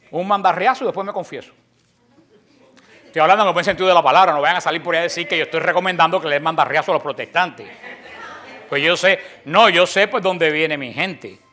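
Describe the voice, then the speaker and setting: A man from Cuba with a Cuban accent, giving an apologetics lecture to a class, emphatic and storytelling, slowing down and letting the ends of key phrases fall away softly. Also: on the high side. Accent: Cuban Spanish. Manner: acts out quoted exchanges in lively storytelling. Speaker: apologetics teacher.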